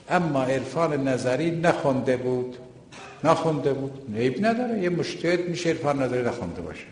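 An older male preacher gives a colloquial sermon, pressing his points again and again and throwing rhetorical questions at the crowd. His voice sits a little high for a man. It rings through a large hall with a long, roomy reverb. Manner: emphatic, repeats points, asks rhetorical questions. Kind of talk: colloquial religious lecture from the pulpit.

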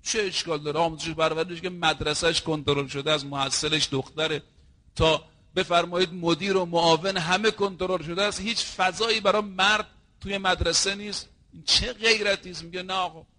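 A man's voice: high-pitched, fairly even intonation, sharp tone. A man preaching a sermon, telling stories and acting out the quoted dialogue, and addressing his listeners as brothers and sisters.

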